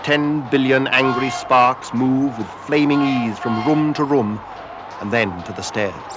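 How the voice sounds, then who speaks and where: Loud sound effects fill this noisy 1970s radio drama as a man delivers a theatrical, intense story narration. His pitch is medium and he speaks a little slowly, in scripted radio-drama style.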